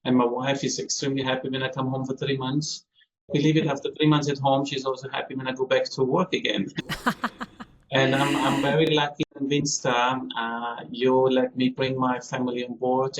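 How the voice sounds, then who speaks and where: Calling in from a ship, a cruise hotel manager from Austria in his fifties talks chattily through an interview, using some non-native phrasing. He speaks briskly in a mid-range voice with a flat delivery, over slightly dull call audio with faint noise.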